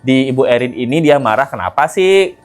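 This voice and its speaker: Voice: mid-range voice, animated, fairly quick, faint music behind. A channel host giving casual commentary and talking straight to viewers, with lots of fillers. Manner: chatty, filler-heavy, addresses viewers as guys.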